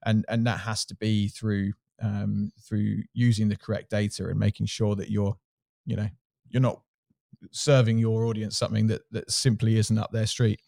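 A man's voice: lowish voice, flat delivery, moderate pace, vocal fry, mellow, no room sound, studio quality. A middle-aged man from Surrey with a southern English Home Counties accent, answering interview questions in a casual, candid, self-deprecating way. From Surrey, England. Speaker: interview guest, sports marketing executive.

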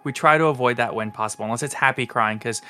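A young man hosting a casual podcast, reading a list of goofy names aloud and breaking into laughter. His voice sits at an ordinary middle pitch, and faint music plays underneath. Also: fast talker, bright, forceful tone. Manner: reads silly patron names, laughing through them. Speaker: podcast host.

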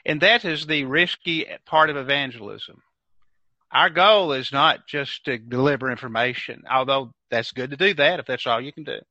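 An older man with a Southern US accent speaks as a guest in an emphatic, preacherly style, his mid-range voice bright and forceful at a normal speed. It's a preaching-style discussion, and the recording is dry and dull with a lo-fi quality and no echo.

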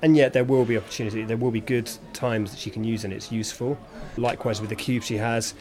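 Measured man explaining speech techniques. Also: mid-range voice, steady tone, a little mellow. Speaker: speech therapist. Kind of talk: conversational explanation.

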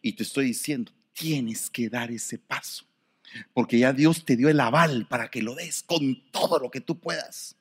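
A man preaching a sermon, swinging from soft, quiet passages to sudden shouts. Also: mid-range voice, a little slow, slightly rough.

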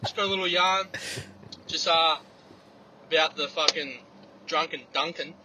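An Australian man leaves a boisterous, sweary voice message telling a blokey yarn. His voice is high and very sharp and forceful, with some vehicle noise around it. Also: measured pace, low-quality recording. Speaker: listener leaving a voice message. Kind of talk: casual yarn.

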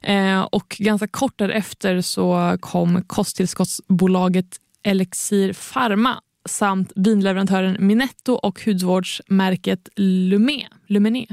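A woman co-hosting a casual news podcast who briefs listeners with quick recaps of the news. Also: medium pitch, steady tone, darkish tone, no room sound, clean studio sound. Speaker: podcast co-host.

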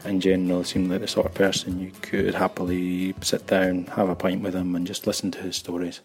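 A man recording a relaxed, wry message as a listener of the show. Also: low-pitched, brisk, music in the background. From Scotland. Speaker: listener contributor.

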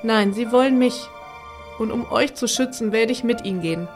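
Read by a woman, a stern middle-aged father growls his orders in a gruff, harsh voice. It is an audio story for families, and clear background music plays under him. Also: on the high side, normal speed, close to an everyday voice. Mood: resolute.

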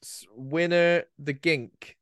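A man's voice: a little high, takes it slowly, a bit bright, no echo, clean studio sound. A man, co-hosting a podcast in casual, giggly chat. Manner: giggly, playful, trailing off. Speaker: podcast co-host.

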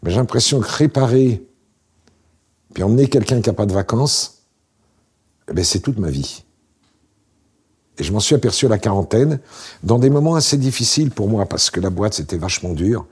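Very deep-voiced man in his sixties. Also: moderate pace, pauses often, slightly rough. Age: 60s. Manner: relaxed, wry, anecdotal with frequent fillers. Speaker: interview guest, founder. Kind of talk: casual storytelling interview.

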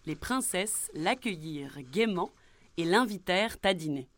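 A woman's voice: lowish voice, dry recording. A woman reading a children's fairy tale aloud as a storyteller. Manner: slow, expressive storybook telling.

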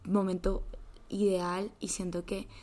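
A woman's voice: mid-range voice, little pitch movement, takes it slowly, dark tone. A twenty-year-old woman with a Colombian accent, telling stories in a casual podcast chat, full of slang and swearing. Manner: chatty storytelling with slang and swearing. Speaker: podcast co-host.

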